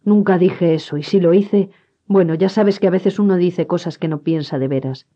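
A reader doing a jumpy young man who always sounds guilty, stumbling over his words and lashing out with insults. The voice sits a little higher and pushier than the storyteller's own, and the recording sounds dull and lo-fi. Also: moderate pace, mellow, close to an everyday voice. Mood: nervous, defensive. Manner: stammering, defensive, insulting. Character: jittery guilty young man, quick-tempered.

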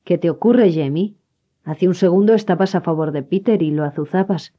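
A reader doing a wry small-town sheriff who asks pointed questions in a dry, level voice. The voice drops slightly lower than the narration, and the recording has a dull, lo-fi sound. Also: moderate pace, mellow, lightly acted. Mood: dry, probing.

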